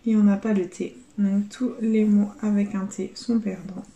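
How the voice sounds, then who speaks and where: A young woman chatting to her viewers as she scratches lottery tickets, her voice sitting at an ordinary mid pitch. She spells out letters one by one, fretting and cheering in turn. The room around her sounds noticeably echoey. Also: moderate pace, vocal fry. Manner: lively, swings between dread and excitement, spells out letters. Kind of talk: casual commentary to viewers.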